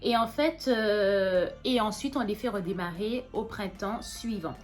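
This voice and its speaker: A woman's voice: mid-range voice, measured pace, soft background music. A young woman, chatting casually in a plant vlog, rambling with many fillers and restarts. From Martinique. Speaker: plant vlogger. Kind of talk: casual show-and-tell vlog.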